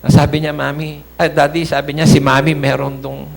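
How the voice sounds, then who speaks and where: A man's voice: a little high, flat delivery, a little fast, creaky. A middle-aged man from the Philippines giving an earnest church testimony, addressing the congregation as brothers and sisters.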